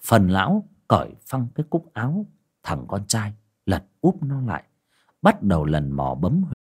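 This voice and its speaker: A man's voice: fairly low pitch, huge pitch swings, moderate pace, breathy edge. A man narrating a horror story for an audiobook, telling it expressively.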